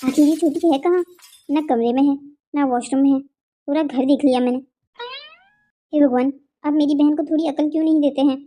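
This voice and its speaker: A woman's voice: sits high, steady tone, moderate pace, long pauses, mellow, lightly acted. A woman voicing a responsible young elder sister and daughter-in-law who scolds her younger sister in a cartoon. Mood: scolding. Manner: scolding, exasperated.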